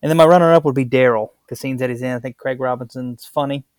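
A man's voice: medium pitch, quick pace, darkish tone, dry recording, clean studio sound. A young adult man in casual podcast conversation, recorded inside a closet.

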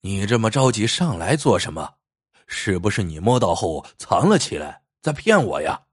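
A man voicing a calm, crafty commoner who teases an official in a mock-polite, unhurried way, with a husky voice. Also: mid-range voice, no room sound, clean studio sound. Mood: sly, calm. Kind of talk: storybook reading.

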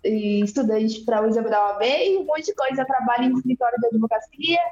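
Speaking briskly in a darkish, fairly high voice, a Bahian woman in her twenties appears as an activist guest on a podcast. She chats casually and laughs readily, and the audio is dull with an echoey room.

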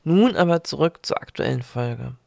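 A woman hosting a podcast, reading her introduction from a script and then asking her guests calm questions. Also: a bass voice, moderate pace, vocal fry, no echo, studio quality. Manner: reads announcements, then asks calm questions. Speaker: podcast host.

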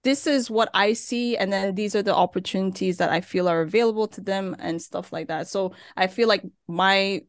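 A young Turkish woman who now lives in Nigeria chats as a guest on a podcast, in a relaxed interview full of fillers and laughter. Her voice sits at a medium pitch and moves at a moderate pace with few pauses, and the recording has no echo.

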